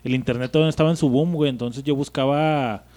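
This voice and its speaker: A Mexican man with a middle-pitched, mellow voice hosts a casual podcast. He rambles in thick everyday slang, joking as he goes. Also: steady tone, fast. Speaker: podcast host. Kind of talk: casual comic podcast chat.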